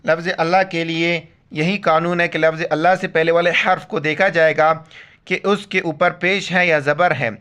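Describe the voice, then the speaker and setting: A man teaching Quran tajweed, chanting the verse slowly and then rattling off letter-by-letter explanations in speech. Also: on the high side, fairly even intonation, bright, forceful tone, clean tone. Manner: slow drawn-out recitation alternating with rapid spelled-out explanation. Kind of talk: Quran recitation lesson.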